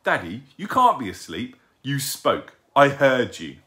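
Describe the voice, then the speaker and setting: A man acts out a young storybook owlet boy, eager and easily indignant. The voice jumps up high and swings about with excitable, earnest energy. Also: measured pace, exaggerated voice. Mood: insistent.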